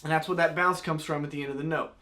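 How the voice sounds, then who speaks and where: A man's voice: fairly high pitch, steady tone, fast, bright, forceful tone. A man giving a casual, folksy how-to lesson as a duck call instructor, explaining technique in plain words. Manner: folksy, plain-spoken, demonstrates with spoken sound syllables.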